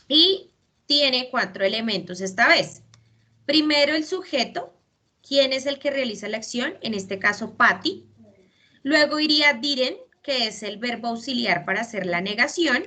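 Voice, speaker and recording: A woman's voice: on the high side, bright, forceful tone. A woman English teacher explaining grammar step by step in a patient class.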